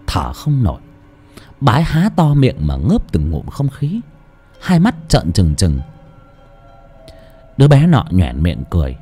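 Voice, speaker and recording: A man's voice: medium pitch, mellow, breathy edge. Dramatic male horror storyteller. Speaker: narrator. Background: faint background music.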